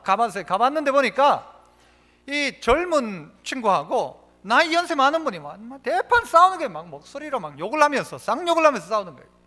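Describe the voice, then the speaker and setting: A man's voice: very high-pitched, pushed and bright. A man preaching a sermon as pastor, asking the congregation questions and answering them himself, and telling stories with voices. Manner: tells stories, acting out quoted voices. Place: church sanctuary.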